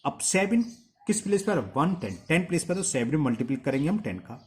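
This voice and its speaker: Male maths tutor, somewhat high and very lively in pitch, walks pupils through steps. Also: a little fast. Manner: asks questions and answers them himself, repeating steps. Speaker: maths teacher. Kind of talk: blackboard-style maths lesson.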